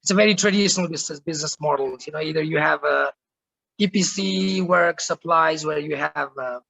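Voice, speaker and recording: A middle-aged man from Nepal speaking on a panel, halting, with many restarts and fillers. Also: fairly high pitch, vocal fry, bright, forceful tone, no echo, rough recording. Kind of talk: online panel talk. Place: home office in Rwanda.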